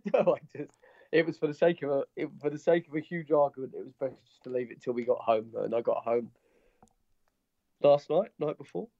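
A man's voice: a little high, a little fast, creaky, no echo. A man with a cold, his voice muffled as if heard through a wall, chatting as a podcast co-host over a call. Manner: rambling, self-correcting. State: head cold, stuffy muffled voice. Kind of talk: casual chat. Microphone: Skype call. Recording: dull, muffled lo-fi call audio.

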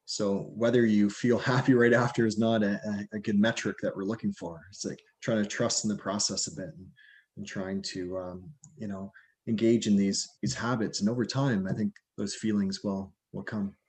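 A man on a podcast panel explaining casually, softening points with tag questions. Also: lowish voice, steady tone, normal speed.

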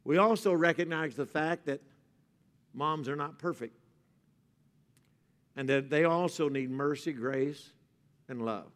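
A man preaching a sermon at a pulpit microphone in a church, moving from joking to a softer, reflective tone. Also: on the high side, a little slow, pauses often. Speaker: pastor. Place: church sanctuary. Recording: reverberant church hall.

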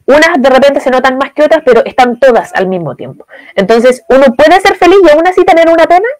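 A young adult woman with a Chilean accent, answering interview questions with lively, acted-out examples. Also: high-pitched, fast, no room sound. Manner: lively, uses voiced quotes and examples. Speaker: guest expert on positive communication.

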